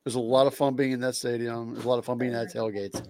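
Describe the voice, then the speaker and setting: A man's voice: mid-range voice, little pitch movement, quick pace, darkish tone, slight background noise. A man co-hosting a casual podcast, chiming in with dry remarks. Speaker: podcast co-host.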